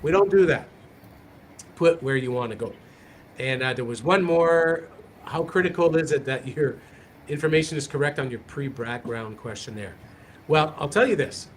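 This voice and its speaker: A man's voice: fairly high pitch, normal speed, a little hiss or hum. A man hosting a recruiting Q&A as a police recruiter, talking in a direct, upbeat, conversational way. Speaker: police recruiter, session host. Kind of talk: live Q&A session talk.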